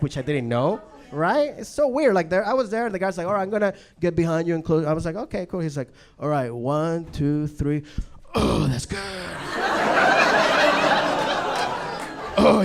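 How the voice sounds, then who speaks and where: Animated Venezuelan-born stand-up comedian. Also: male voice, a little high. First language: Spanish. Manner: animated, acts out characters.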